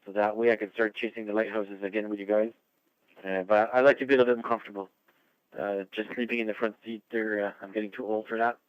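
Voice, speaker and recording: A man's voice: lowish voice, flat delivery, fast talker, clear, resonant tone, no echo, muffled recording. A man chatting casually as an amateur radio net controller over a two-way radio, rambling and friendly. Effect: two-way radio transmission.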